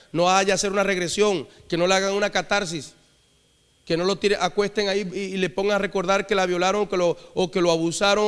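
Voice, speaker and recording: High-voiced preacher in a hall. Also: male voice, a bit bright, smooth. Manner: repetitive call-and-response. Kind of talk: sermon. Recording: long hall reverb.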